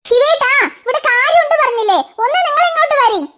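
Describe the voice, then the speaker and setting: Woman doing a squeaky scolding cartoon mom. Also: quick pace, a bit bright, a little hiss or hum. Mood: complaining. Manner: fussing, scolding, exasperated. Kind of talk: cartoon voice acting.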